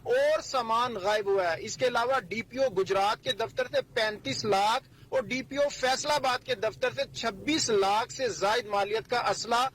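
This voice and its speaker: A man's voice: very high voice, unhurried, hardly any pauses, fairly bright tone, a little hiss or hum, low-quality recording. A man, a bureau chief reporting over the telephone and steadily reading out figures and official details. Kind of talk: news report read over the phone. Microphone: telephone line.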